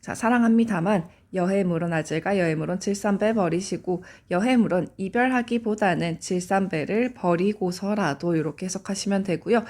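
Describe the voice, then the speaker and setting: A woman's voice: medium pitch, mellow. A woman giving a lecture on classical poetry, explaining it step by step and prompting students as she goes. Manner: explanatory, addresses students directly, frequent "자" prompts. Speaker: literature teacher.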